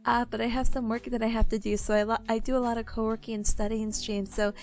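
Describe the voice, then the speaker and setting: A woman's voice: a little high, flat delivery, a little mellow. A young woman chatting casually as a livestream host in a cute, bubbly, playful anime-streamer manner. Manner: playful, giggly, drawn-out exclamations. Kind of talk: casual livestream chat greeting viewers. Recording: music playing behind the voice. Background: music.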